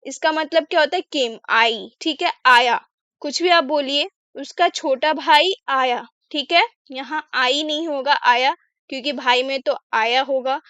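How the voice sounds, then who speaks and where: A woman teaching English words in Hindi, explaining slowly and often checking in with the listener. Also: high voice, sharp tone, no room sound, lo-fi sound. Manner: repeats "ठीक है" often, slow careful explaining.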